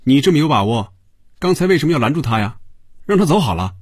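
A man voicing an anxious, easily flustered male executive who yells at his colleagues, in a spoken story. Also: a little high, very animated, quick pace, slightly rough, no room sound, studio quality, voice pushed up. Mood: anxious, shouting. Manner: agitated, shouting.

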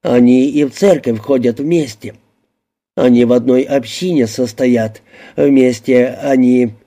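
A man's voice: medium pitch, unhurried, mellow, natural voice. A man voicing a timid, frightened small man who stammers and pleads in a shaky voice. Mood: terrified. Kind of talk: audiobook character voicing.

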